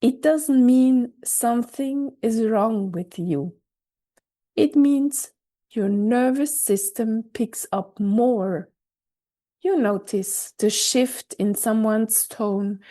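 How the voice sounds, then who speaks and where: A woman hosting her own podcast, speaking a scripted reflective monologue with a gentle, reassuring delivery. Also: fairly high pitch, slow pace. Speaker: podcast host. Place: recorded in Switzerland.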